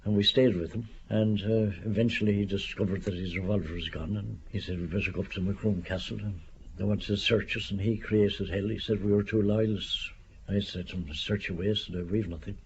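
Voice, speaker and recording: A man's voice: lowish voice, steady tone, brisk, slight background noise. An older man recounting a wartime anecdote in an oral history, in a dull archive radio recording.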